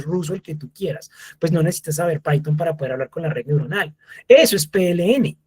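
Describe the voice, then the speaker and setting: A man in his thirties lectures a live masterclass audience. His voice sits a little high and has a husky edge. He talks in an animated way and acts out short exchanges with voice assistants.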